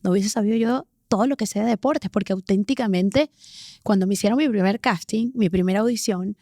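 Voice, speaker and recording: A woman in her forties from Venezuela, telling her life story as an interview guest with lively, emphatic bursts. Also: mid-range voice, no echo, clean studio sound. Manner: animated, emphatic, talks in quick bursts. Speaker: interview guest, sports presenter.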